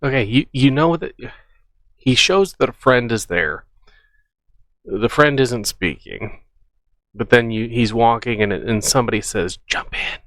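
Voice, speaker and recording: A man's voice: medium pitch, measured pace, pauses often, a bit bright, dry recording. A man hosting a reaction video, scoffing and skeptical as he picks apart a clip and repeats his points. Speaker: reaction channel host. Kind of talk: reaction commentary.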